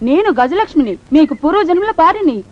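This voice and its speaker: An actress playing a brazen woman who insists she is a man's wife from a past life, talking quickly and with flirtatious familiarity, on a noisy lo-fi film soundtrack. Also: very high voice, lively intonation. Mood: insistent, coy.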